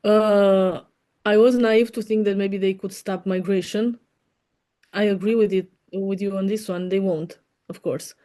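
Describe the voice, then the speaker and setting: A woman's voice: medium pitch, fairly even intonation, measured pace, warm tone. A woman from Denmark, an English speaker co-hosting a podcast, frank and earnest. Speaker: podcast co-host. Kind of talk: casual opinionated chat.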